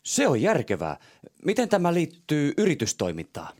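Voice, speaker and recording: A man's voice: on the high side, huge pitch swings, darkish tone. An actor playing a wary male business consultant in a comedy sketch, asking questions warily.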